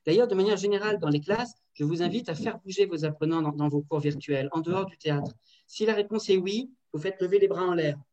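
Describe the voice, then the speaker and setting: A woman teacher trainer runs an online workshop on classroom activities over a video call, sounding lively and directive and often checking in with the group. Her voice is fairly low and fast, picked up by a computer mic with dull audio while building works go on next door.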